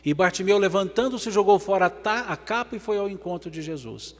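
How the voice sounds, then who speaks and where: A man with a Brazilian Portuguese accent giving a religious lecture, swinging between emphatic loud passages and hushed ones. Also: high-pitched, expressive, a little fast. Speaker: spiritist lecturer. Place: large event hall. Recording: long hall reverb.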